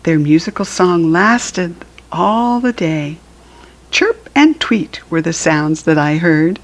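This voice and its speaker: An American woman with a lowish voice reads a picture book aloud to young children, slow and animated. She acts out the animal sounds and adds simple, instructive asides.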